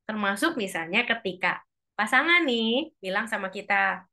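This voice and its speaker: A woman's voice: expressive, normal speed, bright, forceful tone. A woman giving a casual, chatty talk to a church couples' group. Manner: chatty, acts out quoted lines in a higher voice. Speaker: speaker at a church couples' fellowship.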